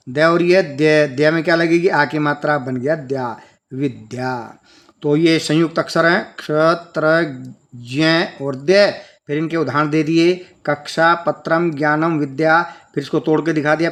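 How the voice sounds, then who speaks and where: A man's voice: a little high, fairly bright tone. A man teaching a children's language lesson, patiently breaking words into sounds and spelling them out step by step.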